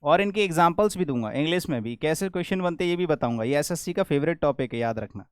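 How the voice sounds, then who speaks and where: A man teaches grammar in a high, clear voice. He explains step by step and repeats his questions back to the class. The recording is dry and close. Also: expressive, fast, no echo. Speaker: English teacher.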